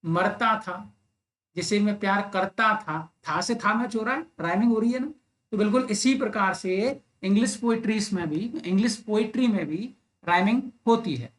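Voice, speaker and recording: A man teaching an exam-prep literature lesson online, explaining step by step, often checking in with the listener, and reading English verse lines very slowly. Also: high-pitched. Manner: explains step by step with frequent "right?" tag questions.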